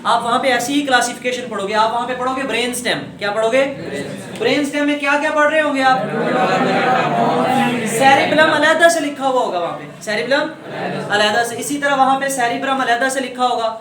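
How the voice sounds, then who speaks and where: A man's voice: extremely high pitch, brisk, reverberant, distant mic, crowd noise. A male teacher gives a classroom lecture, calling his students "beta" and repeating his own questions and answers.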